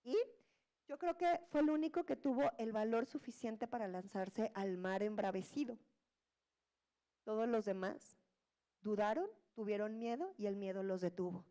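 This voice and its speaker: A woman preaches a sermon, telling the story in a lively, colloquial, humorous style and acting out the disciples' voices. She speaks in a mid-range voice at a normal speed.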